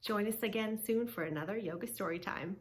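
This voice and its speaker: A woman with a mid-range, slightly quick voice reads a children's book aloud in the role of a yoga teacher. She draws young listeners in with questions, repetition and simple instructions, guiding them through movements and counting.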